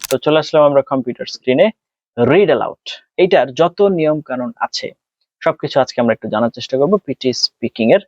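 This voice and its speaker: A man teaching a test prep lesson. He asks and answers his own questions, and he slows down and spells things out when he speaks English. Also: medium pitch, lively intonation, a little mellow, soft background music. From Bangladesh. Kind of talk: tutorial lesson, mixing Bengali and English. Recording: dry, dull lo-fi sound.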